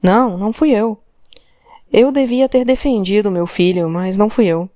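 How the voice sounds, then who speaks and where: A woman's voice: mid-range voice, moderate pace, dark tone, dry recording, clean studio sound, lightly acted. A woman reading an audiobook, voicing an old immigrant father who answers in short, hesitant words. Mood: subdued. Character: old Portuguese immigrant father, ashamed, timid. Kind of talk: audiobook character voice.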